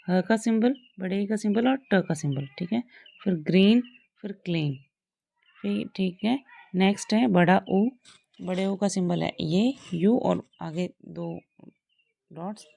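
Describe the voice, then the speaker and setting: Woman teacher, patient, repeats each word, slow and mellow, dry close sound. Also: medium pitch, vocal fry, no echo. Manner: patient, repeats example words slowly with frequent "okay". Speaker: English teacher. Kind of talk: classroom phonetics lesson.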